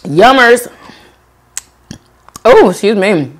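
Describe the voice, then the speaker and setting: Slow, lively woman mukbang host. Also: medium pitch. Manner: chatty, giggly, reads viewer comments aloud. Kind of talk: casual chat while eating on camera.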